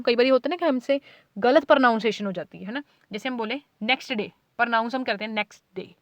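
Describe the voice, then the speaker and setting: A woman teacher with a somewhat high voice, recorded close and dry with no room sound. She explains patiently, says "okay" again and again, and sounds out each example word slowly for her students. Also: dry recording. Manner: explains patiently, repeats "ठीक है" often, sounds out example words. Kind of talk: whiteboard lecture in Hindi with English terms.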